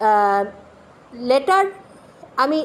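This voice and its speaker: High-voiced woman teaching pronunciation slowly. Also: sing-song, a little hiss or hum. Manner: patient, repeats sounds and checks understanding. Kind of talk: spoken lesson with spelled-out words.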